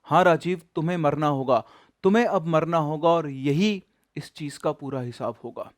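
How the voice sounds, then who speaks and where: A man voicing the ghost of a dead young wife, speaking low and quiet in his own voice. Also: normal speed, lightly acted. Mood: cold accusing.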